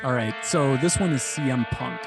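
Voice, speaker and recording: A man hosting a podcast music quiz, talking casually with a relaxed, halting manner. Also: medium pitch, creaky. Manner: relaxed, hesitant with fillers. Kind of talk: casual chat.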